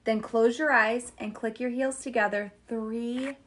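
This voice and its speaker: A woman voicing a kindly good witch who speaks softly and gently. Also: on the high side, fairly even intonation, a little slow, natural voice. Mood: gentle.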